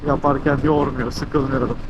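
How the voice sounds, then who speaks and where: A man's voice: mid-range voice, flat delivery, unhurried. A man from Turkey chats casually and upbeat as a motovlogger, speaking slightly muffled from inside a helmet while riding outdoors. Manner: upbeat, talking to viewers and to his bike. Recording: wind and engine noise over helmet mic. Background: wind and vehicle noise.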